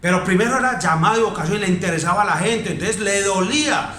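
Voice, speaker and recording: High, bright Colombian man preaching. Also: fast talker, echoey room, a little hiss or hum. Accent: Colombian Spanish. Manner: conversational, emphatic preaching with rhetorical questions. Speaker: pastor. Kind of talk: sermon. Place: church.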